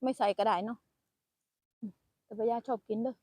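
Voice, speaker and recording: Outdoors by a roadside, an older woman with an Isan Thai accent forages, laughs frequently, and chats with her grandchild in a vlog shot on a phone camera. Her fairly high, mellow voice is fairly quick and fairly even in intonation, with no room sound.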